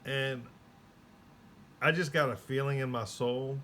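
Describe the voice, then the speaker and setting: A man's voice: medium pitch, fairly even intonation, unhurried, pushed and bright, slight background noise. A man giving a rambling, casual spoken recap, slipping into quoted voices as he tells it. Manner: rambling, acts out quoted people. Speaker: vlogger.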